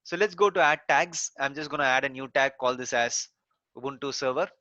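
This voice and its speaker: A man's voice: mid-range voice, fairly quick, sharp tone, no room sound, lo-fi sound. A man instructor walking through a screen-recorded technical tutorial step by step, with many "so" and "uh" fillers. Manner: explains step by step with frequent "so" and "uh" fillers. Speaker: course instructor.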